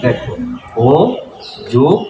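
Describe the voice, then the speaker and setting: Patient monk teaching from a distant, echoey classroom. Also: male voice. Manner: patient, repeats sounds slowly and quizzes the class. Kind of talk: classroom pronunciation lesson. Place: classroom with a board. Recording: echoey room, distant mic, noise.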